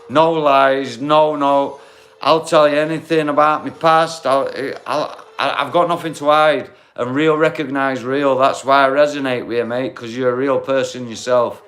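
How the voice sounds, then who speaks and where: On a phone-recorded livestream, a blunt host in his forties talks at medium pitch with a slightly bright voice. His manner is matey and casual, full of swearing, and he addresses viewers as mate and bro.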